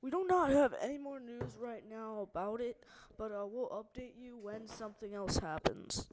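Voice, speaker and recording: A woman's voice: a little high, moderate pace, darkish tone. A woman playing a news anchor in a make-believe broadcast, rambling through her story with lots of "basically" and "um" fillers. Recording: noisy background.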